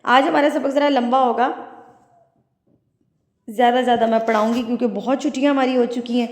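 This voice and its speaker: A woman teaching Quran recitation rules, patiently explaining each point. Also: fairly high pitch. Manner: explains patiently, then recites slowly and drawn out. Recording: echoey room with long reverb.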